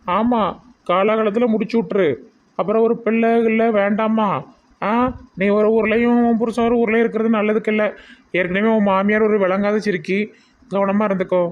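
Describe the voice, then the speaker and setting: Woman as a meddling aunt, Tirunelveli Tamil accent, flat tone, dull lo-fi sound. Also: mid-range voice, normal speed, lightly acted. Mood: advising. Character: blunt meddling aunt, middle-aged woman. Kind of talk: amateur comedy skit acting.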